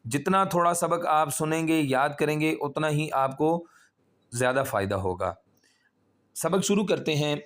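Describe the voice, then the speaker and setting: A man's voice: on the high side, animated, unhurried, a bit bright. A man teaching Quran recitation step by step, patiently spelling out letters and drawing out syllables.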